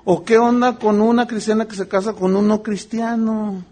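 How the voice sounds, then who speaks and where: A man's voice: high-pitched, normal speed. A man, a pastor preaching a sermon with humor and acting out the people he quotes. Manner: animated, joking, acts out quoted voices.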